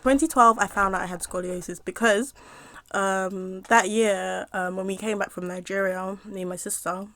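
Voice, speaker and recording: A woman's voice: medium pitch, fairly even intonation, fairly bright tone, no echo. Chatty young woman eating and talking. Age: young adult. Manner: chatty, rambling with many fillers, pauses to eat. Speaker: mukbang vlogger. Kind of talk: casual storytime while eating.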